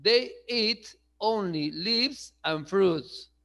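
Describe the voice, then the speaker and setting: Speaking extremely slowly in a high, creaky, sharp voice with lively intonation, a man leads an online English class. He explains bilingually, checks in with students through repeated "¿sí?" and chuckles often.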